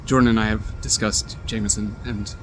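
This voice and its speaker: A man recording a heartfelt message on his phone, halting and reflective, searching for his words. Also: on the low side, level tone. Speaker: friend leaving a recorded message. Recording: phone recording outdoors with traffic noise.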